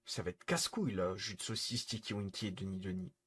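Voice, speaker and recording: A man's voice: low-pitched, fast, fairly bright tone, breathy edge. A man streaming live, scolding his chat in an exasperated, repetitive rant.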